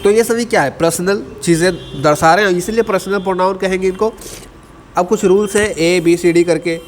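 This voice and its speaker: Man teaching with slow dictated definitions. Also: high voice, big-room sound, slight background noise. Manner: mixes Hindi explanation with slowly dictated English definitions; keeps asking students to answer and checks with "ठीक है". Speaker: English teacher. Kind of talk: entrance exam lesson.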